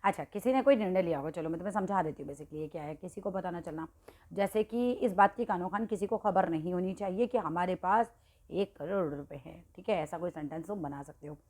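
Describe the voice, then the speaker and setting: A woman's voice: lowish voice, a little fast, darkish tone. A woman teaching idioms to exam students in a casual, conversational way, talking straight to them and correcting herself as she goes. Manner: conversational, addresses students directly, frequent checks and self-corrections. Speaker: Hindi teacher. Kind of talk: casual exam-prep lesson explaining idioms.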